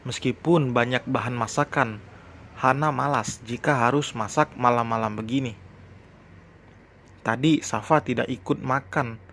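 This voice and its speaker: Man calmly narrating a story. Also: mid-range voice, a little hiss or hum.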